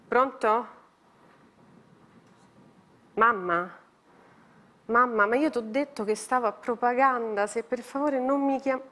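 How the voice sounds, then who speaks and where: Woman, high bright voice, comic TV monologue, theatrical and exasperated. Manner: theatrical, exasperated one-sided phone talk. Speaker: comic performer. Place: TV studio with live audience.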